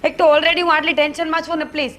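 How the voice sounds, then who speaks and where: A woman's voice: sits high, flat delivery, racing, a bit bright. An actress playing a loyal young wife who earnestly pleads with her husband and family in a family film drama. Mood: anxious, earnest.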